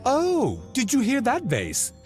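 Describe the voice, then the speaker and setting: A man's voice: very high-pitched, huge pitch swings, slow, faint music behind, full character voice. An actor playing a bitter, sarcastic male antique dealer in a game, scolding and mocking.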